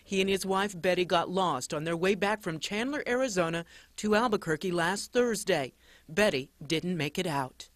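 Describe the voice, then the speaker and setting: A woman's voice: lowish voice, normal speed, no room sound. A woman working as a television reporter, narrating a scripted news package.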